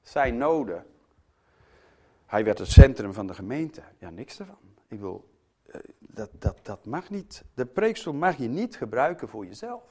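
A man's voice: medium pitch, unhurried. A man, preaching and telling stories in which he acts out both sides of conversations. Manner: animated storytelling, acting out both sides of conversations. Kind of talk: sermon.

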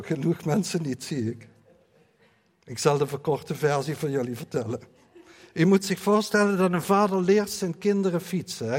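Middle-aged pastor, sermon, slightly high voice, chatty and direct with the congregation, long church echo. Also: male voice. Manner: conversational, addresses the congregation directly. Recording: long hall reverb.

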